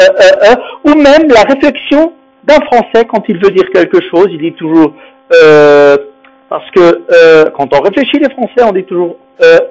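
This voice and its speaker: A man's voice: on the high side, darkish tone, rough recording. A man teaching French phonetics, who explains patiently, repeats the sounds he models and keeps checking that the listener understands. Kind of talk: explanatory lesson.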